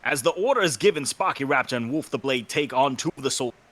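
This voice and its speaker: A man with a bright, forward voice narrates a fanfiction reading and calls out each character's cue. His tone is upbeat and chatty. The pitch sits in the middle range. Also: animated, quick pace. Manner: upbeat, announcing the cues. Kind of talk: casual chat and fanfiction narration.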